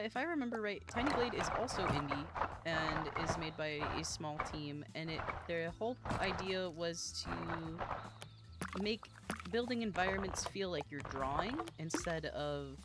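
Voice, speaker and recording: A streamer chatting casually with viewers while playing, giggly and quick to apologize. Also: medium pitch, heavy background noise. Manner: chatty, giggly, self-deprecating, talks to chat while playing. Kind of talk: casual game-streaming chat.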